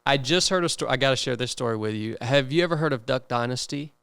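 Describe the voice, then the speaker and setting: A man hosting a casual conversational interview in an earnest, informal way, pausing often. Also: medium pitch, gravelly, a bit bright, clean tone, no echo. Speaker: interview host.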